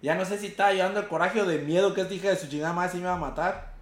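A young man with a Mexican Spanish accent, telling an animated, slang-heavy story in casual chat and acting out the quotes. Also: sits high, very fast, echoey room.

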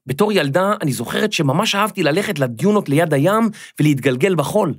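A man's voice: on the high side, animated. A man doing a nostalgic woman passerby.

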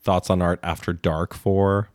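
A man with a very deep voice co-hosts a podcast, tossing out snarky, gossipy jabs and laughing often. He talks casually and speaks close to a dry mic with no room sound. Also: level tone, unhurried, darkish tone, no echo. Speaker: podcast co-host.

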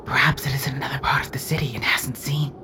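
A man voicing a gentle, caring male companion in a hushed, breathy whisper. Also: medium pitch, level tone, fast, voice pushed up, natural voice. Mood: soothing. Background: music.

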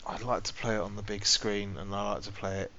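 A man's voice: on the low side, flat delivery, brisk, bright, forceful tone, a little hiss or hum. A British man co-hosting a podcast, chatting casually and bantering about video games. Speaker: podcast co-host. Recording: dull lo-fi podcast audio.

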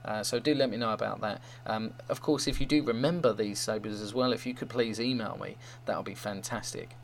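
A man's voice: fairly low pitch, fairly quick, creaky. A man hosting a fan show, giving an informal review and report. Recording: faint hum and noise.

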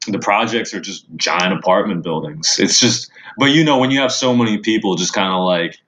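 A man's voice: low voice, normal speed, a bit bright, slight background noise, low-quality recording. A man from Washington DC chatting casually on a podcast, rambling with many stammered restarts. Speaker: podcast host. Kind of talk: casual chat.

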